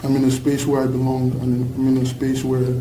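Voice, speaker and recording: A man's voice: medium pitch, monotone, brisk. A young man from Nigeria with a Canadian-influenced accent, giving casual, reflective answers hesitantly and saying "like" often. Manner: hesitant, frequent "like". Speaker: youth panelist. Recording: echoey, distant mic, faint noise.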